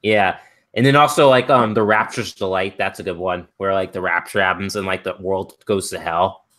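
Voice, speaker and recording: Young male stream host, low-pitched, rambling and filler-heavy. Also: steady tone, normal speed, a bit bright. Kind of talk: casual chat on a live stream.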